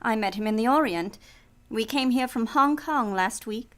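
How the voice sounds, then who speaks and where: An actress playing a manipulative femme fatale in trouble in an old-time radio melodrama, with a theatrical, pleading delivery. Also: female voice, a little high, moderate pace, close to an everyday voice. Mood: anxious, evasive.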